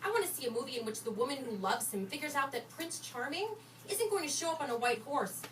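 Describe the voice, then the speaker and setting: An actress performing a monologue as a jaded young woman, telling it in a wry, deadpan way with a bitter edge. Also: high voice, fast talker. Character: sardonic young woman, jaded about romance. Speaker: stage actor performing a monologue. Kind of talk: theatrical monologue. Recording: distant mic, noisy background.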